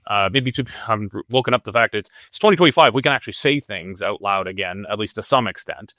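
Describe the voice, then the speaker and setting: A man's voice: on the low side, fast, sharp tone, no room sound, studio quality. A man conducting a news interview, hesitant, with many fillers and restarts.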